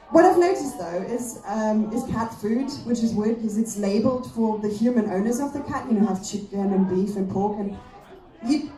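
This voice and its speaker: A woman's voice: medium pitch, warm tone. A woman performing a self-deprecating stand-up comedy routine, recorded from off in a roomy live venue. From Austria. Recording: roomy, distant stage microphone recording.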